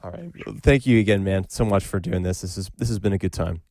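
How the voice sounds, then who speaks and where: A podcast host, a man, chats casually and wraps up with an informal outro. His voice sits low with a darkish tone, and he talks fast. He's informal and appreciative, dropping "man" and "dude" often.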